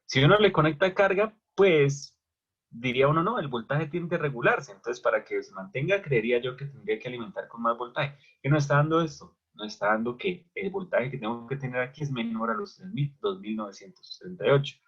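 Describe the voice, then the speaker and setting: A man's voice: medium pitch, expressive, brisk, a bit bright, slightly rough. A man teaching an electrical machines class who keeps asking questions and answering them himself. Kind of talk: online lecture at a whiteboard. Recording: dull lo-fi recording.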